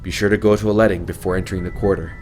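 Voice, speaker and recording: A man voicing a stern, weary woman army captain who gives calm, clipped orders. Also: sits low, very fast, faint music behind, lightly acted. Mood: commanding.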